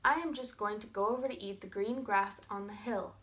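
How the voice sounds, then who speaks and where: A woman's voice: mid-range voice, a little fast, a bit bright, close to an everyday voice. Woman doing a nervous middle billy goat. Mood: pleading. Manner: pleading.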